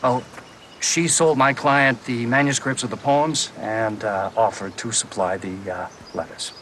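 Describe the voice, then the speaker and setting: A man's voice: mid-range voice, a little slow, a bit bright, slight background noise, close to an everyday voice. A man from the United States playing a genial, expansive antiques and manuscripts dealer who chuckles as he talks. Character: genial American male manuscripts dealer, jazz lover.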